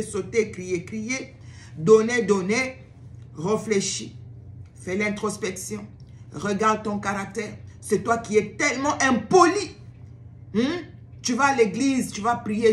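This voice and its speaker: A woman's voice: medium pitch, roomy sound. A woman host giving an informal sermon to camera, exhorting her listeners, repeating words for emphasis and slipping into English phrases.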